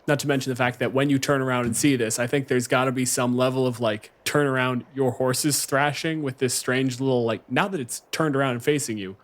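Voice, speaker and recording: With music running behind him, a man game-masters an improvised tabletop roleplaying game in a relaxed, foul-mouthed style. His mid-range voice moves briskly with fairly even intonation and hardly any pauses.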